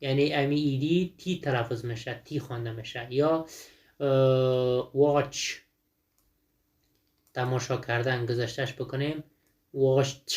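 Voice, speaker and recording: Male English teacher, Dari accent, mid-pitched, switches between slow drilled examples and quick explanation. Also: darkish tone. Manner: asks and answers his own questions. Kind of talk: explaining a textbook lesson.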